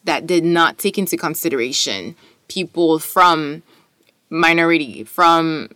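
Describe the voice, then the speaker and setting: A woman's voice: deep voice, a little slow, bright, forceful tone, dry recording. A woman whose first language is French, co-hosting a casual, enthusiastic discussion of articles and poetry.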